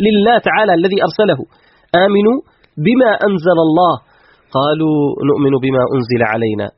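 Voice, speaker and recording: Rapid high-voiced man lecturing emphatically. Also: husky, highs cut off. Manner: emphatic, fires rhetorical questions. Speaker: guest scholar explaining Quran verses. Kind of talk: explanatory religious lecture.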